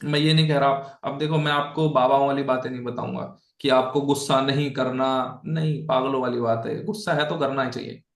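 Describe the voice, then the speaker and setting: A Bhagavad Gita teacher gives a casual online lesson, chatting conversationally, frequently checking in with listeners and slipping in English phrases. His mid-range voice has fairly even intonation, runs a little fast with hardly any pauses, and sounds reverberant.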